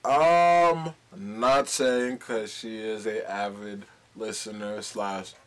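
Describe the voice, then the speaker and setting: A man's voice: on the low side, little pitch movement, takes it slowly. A man in his twenties chatting casually as a podcast co-host, full of slang, laid-back and rambling. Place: small indoor studio. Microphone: large desktop studio microphone.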